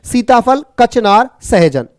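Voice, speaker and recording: A man teaching an online exam-prep class, brisk and repetitive, teasing and jokingly scolding his students. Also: extremely high pitch, big pitch swings, dry recording, clean studio sound.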